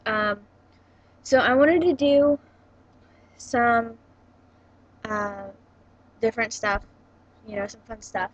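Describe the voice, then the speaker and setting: Speaking slowly and pausing often, this young woman has a slightly high voice as she talks casually about books for her vlog, hesitating with lots of ums and likes. She records at home on her laptop's built-in webcam mic, which gives dull, lo-fi sound.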